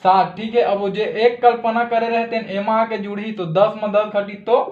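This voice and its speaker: High-voiced Chhattisgarhi man teaching math. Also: moderate pace. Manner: steady step-by-step explaining, frequent "theek hai" checks. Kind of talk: math lesson walkthrough. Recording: echoey room, dull lo-fi audio.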